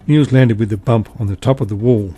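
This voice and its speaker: Calm man reading a bedtime story. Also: lowish voice, brisk, husky, dry recording, soft background music.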